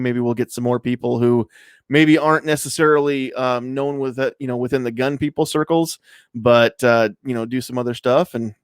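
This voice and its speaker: Smooth-voiced man hosting a live podcast. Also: mid-range voice, no room sound, clean studio sound. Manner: loose and rambling, many fillers. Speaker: podcast host. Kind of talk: casual live-stream chat. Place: home studio room.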